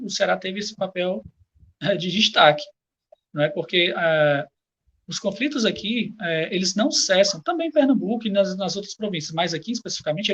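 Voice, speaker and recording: A history professor talks over a video call, his voice slightly high and husky. He hesitates, repeats small words and restarts sentences as he works through his answer. The line sounds muffled and lo-fi. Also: fairly bright tone. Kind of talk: academic live-stream discussion.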